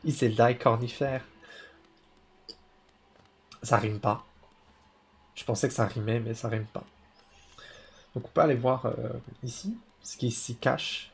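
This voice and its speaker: A man's voice: mid-range voice, measured pace, creaky, long pauses, slight background noise. A man playing a video game while chatting casually and stopping to explain words for language learners, often correcting himself. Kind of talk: casual gameplay commentary for learners.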